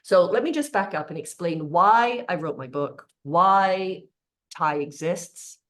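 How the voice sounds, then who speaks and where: Low-voiced woman, chatty. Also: lively intonation, slow pace. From Canada (born in South Africa). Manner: chatty and earnest, with frequent "like" and "um" asides. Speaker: leadership speaker. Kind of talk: informal talk to a group.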